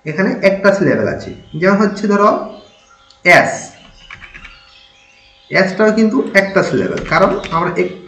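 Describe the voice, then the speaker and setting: A man's voice: high-pitched, big pitch swings, normal speed, pauses often, a bit bright. A man teaching an English lesson, patiently spelling words letter by letter and asking checking questions. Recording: dull lo-fi sound in an echoey room with faint noise.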